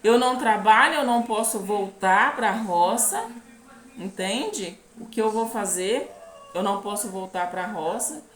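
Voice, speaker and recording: A woman's voice: mid-range voice, expressive. Earnest Brazilian woman in an echoey room. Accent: Brazilian Portuguese. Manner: halting, earnest, often asks the listener "entende?". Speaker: channel host telling her life story. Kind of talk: personal testimony to camera.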